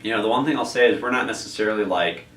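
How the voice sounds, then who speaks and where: Racing along in a fairly bright voice on the low side, the tutoring program coordinator explains the process in a rambling way, full of fillers and restarts. The recording is echoey, with faint noise and the mic placed at a distance.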